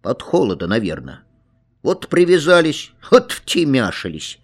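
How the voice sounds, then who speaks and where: A man's voice: medium pitch, wildly swooping pitch, measured pace, slightly rough. Man reading a wistful boy's tale. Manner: wistful, dreamy first-person narration. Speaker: reader. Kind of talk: expressive story reading.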